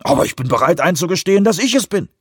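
A man's voice: high-pitched, expressive, racing, slightly rough, no room sound, studio quality, pitched above the performer's own voice. Man doing a brusque, combative CIA director. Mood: forceful. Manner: brusque, forceful.

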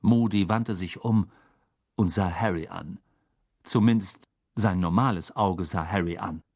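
A man narrating an audiobook in an expressive storytelling manner. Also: low-pitched, a little slow, breathy edge.

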